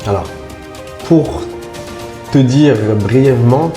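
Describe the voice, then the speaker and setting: A man in his forties from Congo talks casually about his life as a podcast guest, hesitant and informal, with many fillers and restarts. His mid-range voice moves at a slow pace. The recording has a roomy echo and faint music.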